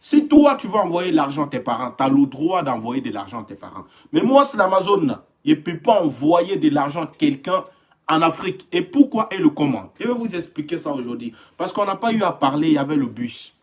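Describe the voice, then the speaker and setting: In a laid-back indoor live stream from home, a West African man calls out to viewers by name, his delivery turning emphatic and fervent. He speaks fairly quickly in a fairly high, sing-song voice.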